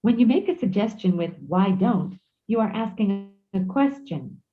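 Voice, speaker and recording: A woman reads scripted textbook narration in a clear, measured way, her pitch moving in a lively way. The audio sounds thin and tinny, like it is played back over a phone line.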